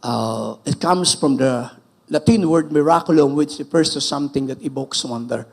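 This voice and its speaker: A man's voice: mid-range voice, normal speed, vocal fry. A man with a Filipino accent preaching a sermon as pastor, emphatic and switching between English and Filipino.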